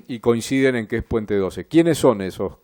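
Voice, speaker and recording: A man with an Argentine accent, a lawyer questioning a witness in court in a measured, formal way. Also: mid-range voice, lively intonation, a little mellow. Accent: Argentine Spanish.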